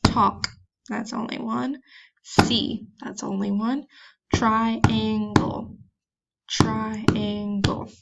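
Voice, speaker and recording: A woman's voice: on the high side, slow pace, gravelly, fairly bright tone, highs cut off, a little hiss or hum. A woman teacher giving a virtual classroom lesson, patiently sounding words out and making chatty, self-deprecating asides. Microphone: computer mic.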